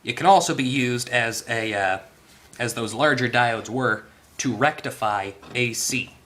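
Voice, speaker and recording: A man with a mid-range, fairly bright voice talks a little slowly over a faint hiss or hum. He hosts a hands-on electronics repair tutorial, explaining casually and off the cuff, thinking aloud and correcting himself as he goes.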